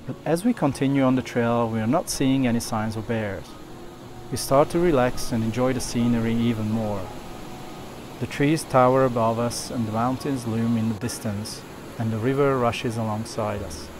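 A man's voice: mid-range voice, normal speed, music in the background. A man in his thirties reading scripted travel narration in a nature documentary style.

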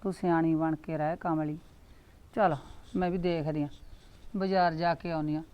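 A woman's voice: low-pitched, steady tone, normal speed, highs cut off, lightly acted. A middle-aged woman playing a chatty, meddling village aunty who coaxes and advises her neighbors. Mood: musing. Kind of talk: village comedy skit acting.

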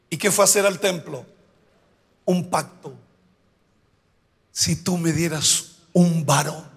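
A male pastor preaching a sermon, asking the congregation questions and shouting out the key words. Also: high-pitched, gravelly, breathy edge, in a large hall.

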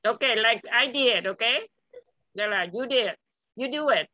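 A woman's voice: a little high, animated, moderate pace, pushed and bright, lo-fi sound. A woman whose first language is Vietnamese, coaching a child in an upbeat, coaxing way and saying okay again and again. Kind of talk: encouraging lesson chat.

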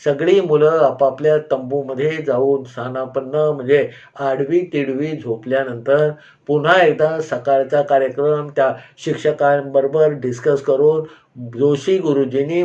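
A man telling a personal school memory in an unhurried way, often pausing to explain himself with asides. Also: mid-range voice, darkish tone. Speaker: storyteller. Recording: slightly dull, lo-fi sound.

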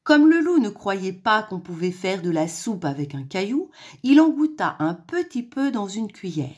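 A woman storyteller reading a children's picture book aloud, in an expressive and lively manner. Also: medium pitch, moderate pace.

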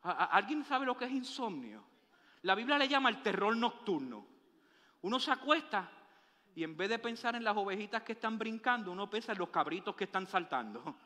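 A man preaches in a church, his voice sitting high and very bright. He drops to near-murmurs, then swells into loud, emphatic runs, and tosses rhetorical questions and joking asides at the congregation. A long reverberant tail hangs on every phrase. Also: big pitch swings, brisk. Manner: swings from hushed murmurs to loud preaching bursts. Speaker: pastor. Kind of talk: sermon. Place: church sanctuary.

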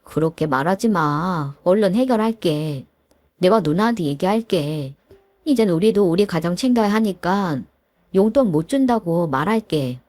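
A woman voicing a meek, apologetic young husband who pleads softly. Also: on the low side, expressive, normal speed, dry recording.

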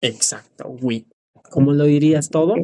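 A woman teaching a live online English lesson, drilling phrases slowly and encouraging her students. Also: low-pitched, dark tone.

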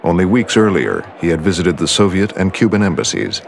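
A man giving measured, scripted documentary narration in a deep, gravelly voice. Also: sing-song, slight background noise. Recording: music underneath.

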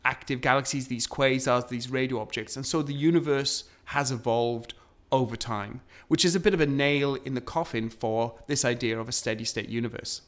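A man's voice: mid-range voice, steady tone, moderate pace, fairly bright tone. A man co-hosting a casual science conversation, explaining astronomy history in a storytelling way with frequent fillers. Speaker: co-host.

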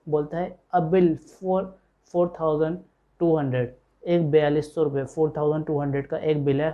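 A man's voice: on the high side, warm tone, muffled recording. A man teaching an accounting lecture, explaining step by step and voicing his students' questions himself. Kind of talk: classroom lecture.

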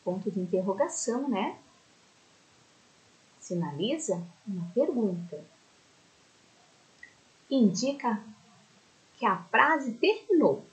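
A woman's voice: medium pitch, expressive, takes it slowly, pauses often, rough recording. A Brazilian woman teaching a primary school lesson in a recorded remote class. She talks affectionately and explains step by step, often checking in with her pupils. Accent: Brazilian Portuguese.

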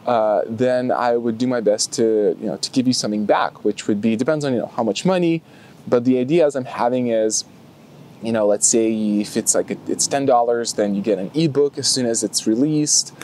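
A young martial arts vlogger with a Lithuanian accent chats casually to the camera close in front of him, outdoors on a grassy field. He stops and restarts often and uses many fillers. He has a mid-range voice with a darkish tone at normal speed, plus a little hiss or hum.

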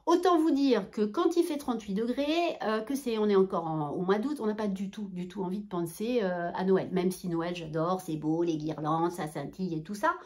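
A woman's voice: mid-range voice, moderate pace, hardly any pauses. Chatty woman showing her shopping haul. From southwest France. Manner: animated, talkative, many fillers and asides to viewers. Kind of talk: chatty product haul vlog.

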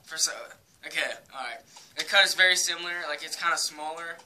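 A man's voice: on the high side, quick pace, bright, forceful tone, slight background noise. A young American man talking casually and crudely with a lip full of dip, giving an amateur review. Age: young adult. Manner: crude, profane, slangy. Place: living room, indoors. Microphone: device mic a few feet away.

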